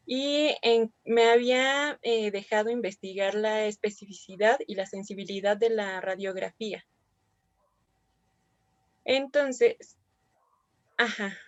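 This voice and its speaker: A woman's voice: medium pitch, no echo. Methodical woman student on a dull line. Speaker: medical student. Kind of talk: class answer. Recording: dry, dull lo-fi call audio.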